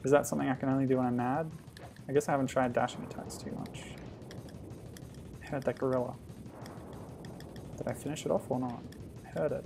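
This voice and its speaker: A man casually commenting on a retro game as he plays, thinking aloud with sudden loud exclamations. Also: mid-range voice, gravelly, noisy background. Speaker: streamer.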